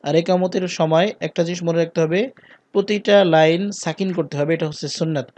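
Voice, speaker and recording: A man teaching the call to prayer, spelling out each word and reciting phrases in a slow, drawn-out chant between plain explanations. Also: a little high, fairly even intonation, darkish tone.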